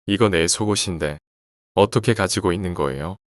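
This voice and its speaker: A man voicing a frightened young woman in a horror story, speaking in a hurried, anxious way. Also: deep voice, no room sound, clean studio sound, close to an everyday voice.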